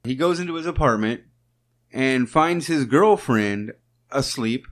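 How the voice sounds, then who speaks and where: A man's voice: mid-range voice, expressive, unhurried. A man co-hosting a podcast, chatting casually and telling stories with jokes and swearing. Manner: profane, joking, storytelling. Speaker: podcast co-host. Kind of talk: casual chat.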